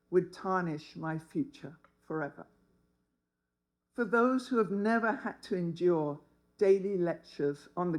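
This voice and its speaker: Older woman in her seventies, dry wit, tells her story slowly to a room of listeners. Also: lowish voice, a little mellow, rough recording. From England. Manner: wry, humorous. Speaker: speaker. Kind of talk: personal storytelling talk.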